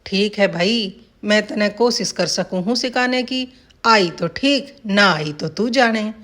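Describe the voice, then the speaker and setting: A woman's voice: medium pitch, slow pace, a bit bright. A woman voicing a blunt, teasing old village man who talks in rustic dialect.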